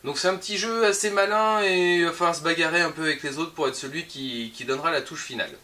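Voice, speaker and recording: A man's voice: a little high, fast talker, noisy background. A man with a French accent casually presenting the week's new board games in a shop video, chatty and upbeat with frequent hesitations. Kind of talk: casual weekly product roundup.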